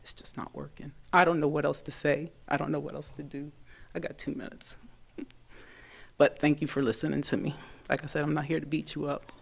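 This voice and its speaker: A middle-aged woman, a parent, giving an earnest, emotional public comment at a school board meeting, halting at times. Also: low-pitched, flat delivery, vocal fry, breathy edge.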